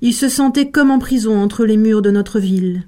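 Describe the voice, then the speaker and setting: A woman telling a tale aloud, expressive and measured, slowing down to let moments land. Her voice sits a little high for a woman. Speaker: storyteller. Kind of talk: told story narration.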